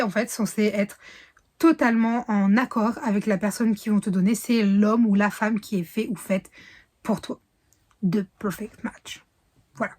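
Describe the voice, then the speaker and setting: A woman's voice: medium pitch, a little mellow. A woman chatting casually in a reading vlog, rambling with fillers and self-corrections, now and then dropping to a whisper. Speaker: book vlogger.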